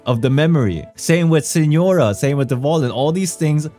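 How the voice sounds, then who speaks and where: A young man streams games from a small furnished room at home, giving casual commentary and speculation in a warm, somewhat high voice at a moderate pace. A large studio mic sits close to him, and game music plays faintly behind.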